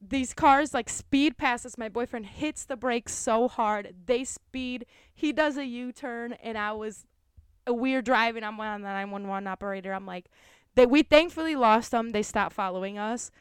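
A woman co-hosting a podcast, telling a story in casual chat, quick and animated with lots of "like"s. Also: on the high side, smooth, dry recording, studio quality. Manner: animated, fast storytelling with many "like"s and acted-out quotes. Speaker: podcast co-host.

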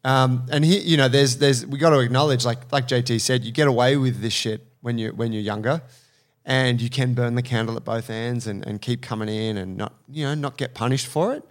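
A man co-hosting a casual podcast, animated and profane, often acting out what people think in their heads. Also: medium pitch, fairly quick. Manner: swearing, animated, acts out inner voices. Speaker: podcast co-host.

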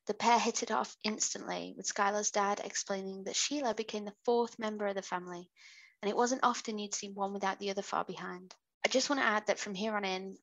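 A woman's voice: mid-range voice, fairly bright tone, rough recording. A British woman hosting a podcast, reading out a true crime case with chatty asides. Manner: chatty asides while narrating. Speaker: podcast host.

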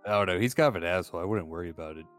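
A man's voice: sits low, racing, faint music behind. A man bantering casually as a player in a tabletop game, with a dry, wry way of talking.

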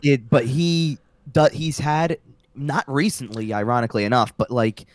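A man's voice: medium pitch, moderate pace, no room sound, studio quality. A man co-hosting a casual sports podcast, often restarting and repeating words as he makes his point. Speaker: podcast co-host.

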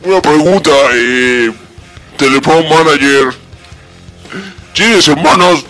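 A man's voice: fairly high pitch, slow, over loud music. A man hosting a comedy radio skit in a joking, playful way. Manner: playful, laughing.

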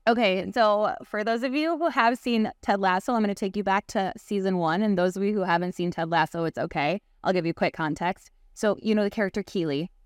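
A woman, a real estate agent on a podcast, chatting casually and acting out quotes in a higher voice, with lots of "like" and "you know". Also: brisk, few pauses, clean tone, no echo, studio quality. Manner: animated, acts out quotes in a higher voice.

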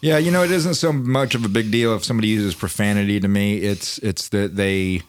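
A man co-hosting a podcast, talking with animated, profane energy and stumbling restarts. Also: on the low side, brisk. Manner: animated, profane, repeats words when starting thoughts. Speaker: podcast co-host. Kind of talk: casual chat.

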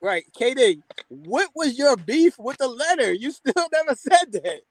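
A man's voice: very high voice, big pitch swings, unhurried, dry recording, poor audio. A man hosting a casual podcast, interjecting often and steering the debate. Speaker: podcast host.

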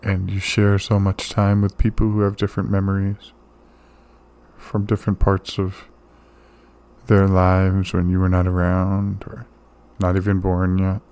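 A man speaks as the host of a sleep relaxation show, gentle and soothing. His voice is lowish and dark, and he moves very slowly through a calm monologue, leaving room between phrases. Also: smooth. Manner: soothing, gentle, unhurried with pauses.

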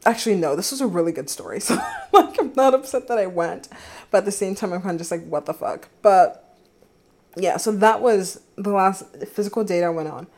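A woman's voice: medium pitch, brisk, darkish tone. A young woman in her twenties hosting a solo podcast, telling a dating story in a chatty, giggly way with lots of fillers. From Philadelphia area. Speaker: podcast host.

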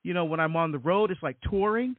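This high-pitched, quick-speaking middle-aged man from Barbados, a deacon and author, relates his story in a casual interview with frequent fillers and repeats. The sound is tinny and phone-like, dry with no room sound.

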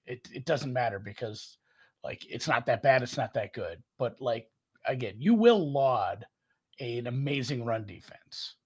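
Rambling Minnesotan man, husky voice. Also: mid-range voice, measured pace. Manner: rambling, filler-heavy, animated. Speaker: podcast co-host. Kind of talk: casual sports chat.

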